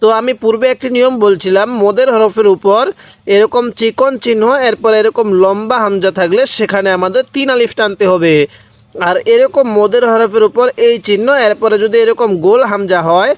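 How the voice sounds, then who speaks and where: A man teaching Quran reading step by step, patiently repeating rules and slowly drawing out each syllable as he spells out the letters. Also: high-pitched, dry recording. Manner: patient, repetitive explanations. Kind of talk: step-by-step recitation lesson.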